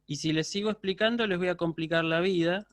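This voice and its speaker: A man's voice: sits high, brisk, dry recording. A man teaching a university Greek class over a video call, patiently checking in with his students. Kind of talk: online lecture.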